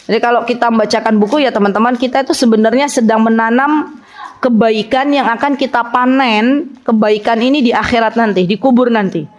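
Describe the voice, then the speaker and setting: A woman preacher giving a sermon to a women's study group, acting out parents and children in her stories. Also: fairly high pitch. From Indonesia. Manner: lively, acts out parents and children in quoted lines. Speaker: Islamic preacher.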